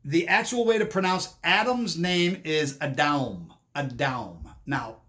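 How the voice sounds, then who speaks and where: A man's voice: sits high, animated, measured pace, sharp tone. A man giving a rambling monologue commentary, often restarting and repeating himself.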